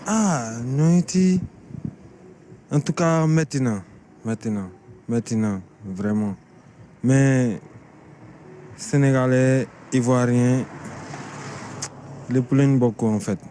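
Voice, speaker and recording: A man's voice: medium pitch, slow pace, pauses often, mellow, a little hiss or hum. A man in his thirties interviewed on the street, talking animatedly and often repeating himself. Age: 30s. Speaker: passer-by interviewed. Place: outdoors on a city street.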